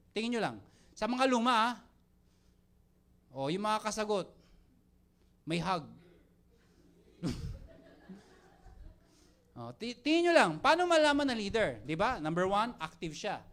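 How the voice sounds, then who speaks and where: High, bright-voiced man coaching a crowd. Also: a little slow, long pauses. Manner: animated, jokey, quizzes the crowd, mixes Tagalog and English. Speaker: mentor speaking to network marketing team. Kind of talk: live motivational talk to an audience.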